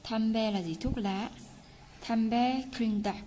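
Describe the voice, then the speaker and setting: A woman teaching Korean in a casual lesson, patiently repeating words slowly for learners. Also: fairly high pitch, fairly even intonation, warm tone, a little hiss or hum. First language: Vietnamese.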